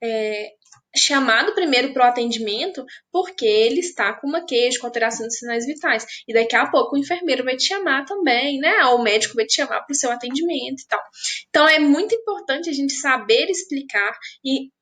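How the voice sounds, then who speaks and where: A woman's voice: high voice, expressive, a little fast, a bit bright. A woman, giving an online nursing lecture in a chatty way, telling stories to her students. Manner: chatty, addresses students as gente, tells anecdotes.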